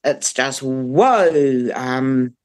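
A woman's voice: rumbling low, lively intonation, drawn-out words, a little mellow. A woman with a New Zealand accent giving blunt, emphatic opinions in conversation, repeating phrases for stress. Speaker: interview guest.

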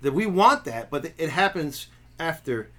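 A man's voice: on the high side, sing-song, unhurried, bright, forceful tone. A pastor co-hosting a podcast talks through grace with a man's slightly raised voice. He is earnest and casual, often restarting sentences and affirming his partner. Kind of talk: casual theological discussion.

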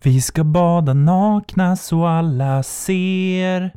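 This is a haunting, ghostly singing voice, put on by a man reading a horror story. It stretches every word slowly and rises higher than his normal speech. It sounds distant and unsettling, set against a dry, close recording. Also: dark tone, clean tone, no echo, natural voice. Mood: eerie. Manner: slow, drawn-out singing.

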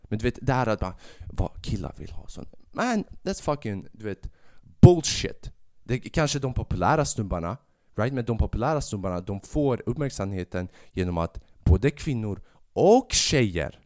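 Swearing, rambling sick man, low voice. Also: no echo, studio quality. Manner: swearing, rambling, animated rants. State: sick with fever. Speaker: podcast host. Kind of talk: casual monologue podcast.

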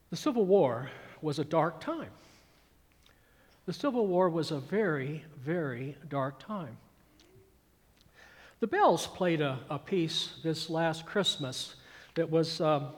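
A pastor in his sixties with a Georgia Southern accent from the American South preaches a sermon in a fairly high-pitched voice with a big-room sound. He's emphatic, repeating phrases and reciting verse with swelling volume.

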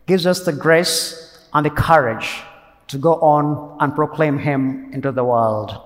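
A man with a high-pitched voice preaches a Sunday homily in a large church. His delivery is earnest and emphatic, and he circles back to key phrases. A long cathedral echo trails after each line. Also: takes it slowly. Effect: cathedral echo, long church reverb. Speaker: priest.

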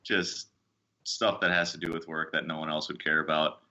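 A young man hosts a casual podcast. He tells stories in a loose, candid way and swears now and then. His voice sits very low, yet it has a bright, forceful edge. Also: normal speed, dull audio. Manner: relaxed, candid storytelling with laughs and swearing. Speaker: podcast host.

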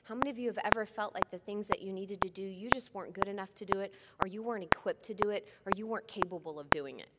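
Middle-aged woman preacher, conversational and earnest, in a big echoing sanctuary with loud noise behind. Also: medium pitch, fast talker, hardly any pauses. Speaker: pastor. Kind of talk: sermon. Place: church sanctuary. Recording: long hall reverb, loud background noise.

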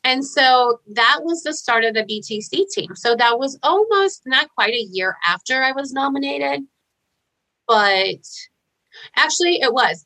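A woman with a bright, forward voice talks as a hairstylist guest in a casual interview. She is chatty and effusive and leans on fillers as she speaks. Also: on the high side, poor audio.

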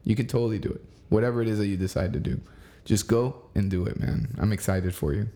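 A man's voice: on the low side, fairly even intonation, quick pace, warm tone. A man in his forties in casual chat, encouraging and emphatic, speaking straight to the listener. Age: 40s.

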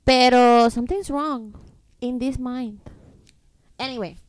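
A native Spanish-speaking woman in casual podcast chat, switching constantly between Spanish and English in an animated, sweary way. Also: sits high, takes it slowly, clean tone. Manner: animated, profane. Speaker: podcast co-host.

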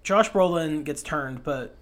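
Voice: mid-range voice, slow, fairly bright tone. A podcast co-host talking casually about a film, blunt, swearing freely and laughing often.

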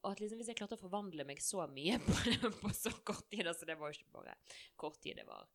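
A woman's voice: lowish voice, lively intonation. A woman in casual conversation, speaking reflectively and sometimes playfully acting out her own thoughts. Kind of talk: casual chat.

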